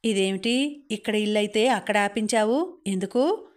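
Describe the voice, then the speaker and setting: A woman's voice: mid-range voice, unhurried, lightly acted. A woman reading as Jyothi, a teasing young woman. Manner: playful, chatty.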